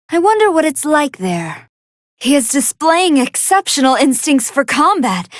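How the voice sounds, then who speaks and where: A young female android scientist from an anime fighting game, with a high voice in a dry studio sound. She speaks in formal, scholarly phrases as a commentator, earnest and excitable, with a hunger she struggles to contain. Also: no room sound, full character voice.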